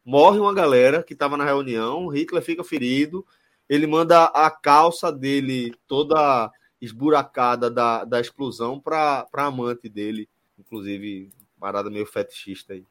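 A man's voice: mid-range voice, normal speed, fairly bright tone. Hesitant Brazilian podcast co-host, man. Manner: hesitant, restarts while trying to remember. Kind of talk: casual chat.

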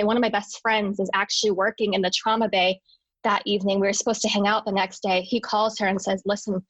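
A woman's voice: medium pitch, no room sound, rough recording. A young adult woman who works in a hospital, earnestly telling a personal story, restarting phrases and using medical terms. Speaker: interview guest, hospital worker.

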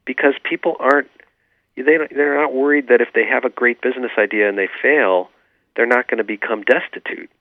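A man's voice: medium pitch, steady tone, brisk, no room sound. A man, an author being interviewed, explaining his views earnestly and with many fillers. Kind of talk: remote radio interview. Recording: tinny phone line.

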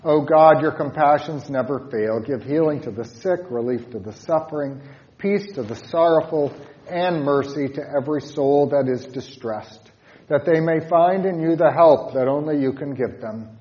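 A man leading congregational prayer as a pastor, solemnly, in measured phrases with pauses. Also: on the high side, darkish tone, muffled recording.

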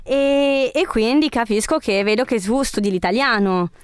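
Chatty high-voiced woman interviewer, clear tone. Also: moderate pace, dry recording. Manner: chatty, encouraging. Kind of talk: casual conversational interview.

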